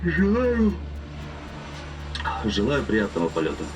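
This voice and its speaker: An actor playing an airline captain, giving a formal cabin announcement over the loudspeaker from the cockpit. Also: male voice, medium pitch, wildly swooping pitch. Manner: formal, measured announcer delivery. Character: formal male airline captain addressing passengers. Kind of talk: sketch comedy acting.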